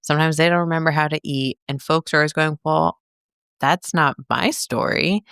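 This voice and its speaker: A young woman co-hosting a podcast as a speech therapist, chatting casually and animated, with playful jumps into silly voices. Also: low-pitched, normal speed, clear, resonant tone, no room sound, studio quality. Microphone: studio microphone.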